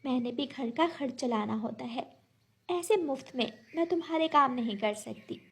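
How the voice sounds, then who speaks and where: Brief: a hardworking little sparrow for a kids' cartoon, by a woman, high and breathy. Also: moderate pace, full character voice. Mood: firm. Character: small hardworking female sparrow, firm.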